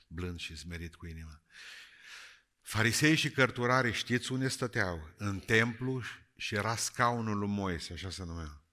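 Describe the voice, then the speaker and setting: Bright-voiced deep preacher, loud and joking. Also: male voice. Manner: lively, jokey, swings between shouting and quiet. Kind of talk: sermon.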